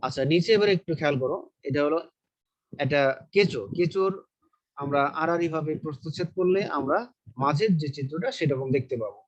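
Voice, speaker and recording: Male biology teacher with a fairly high voice, repetitive question-and-answer lecturing, muffled lo-fi recording. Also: fast talker. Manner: repeats key terms, asks and answers his own questions. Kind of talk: online lecture.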